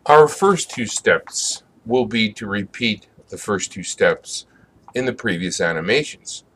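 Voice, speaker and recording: A middle-aged man with a somewhat low voice narrates a plumbing lesson from a script. He explains each step methodically, at a measured and even pace, like an instructor walking students through a code book. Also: a little hiss or hum.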